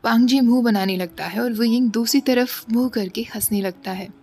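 A woman narrating a romance story in a steady, even reading voice. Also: fairly high pitch, moderate pace, slight background noise.

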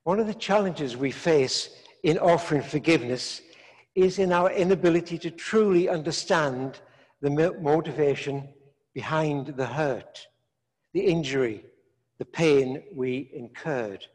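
An older man, a priest, preaching a sermon in slow, measured phrases with long pauses, recorded in a large stone church. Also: fairly high pitch, a little mellow. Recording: echoey church from a distance.

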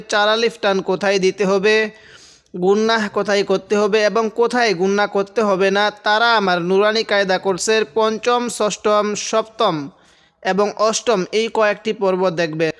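A man teaches Quran reading in a slow lesson, spelling out each letter and syllable and then chanting the verses in a drawn-out way. His high voice is clear, resonant and steady, at normal speed.

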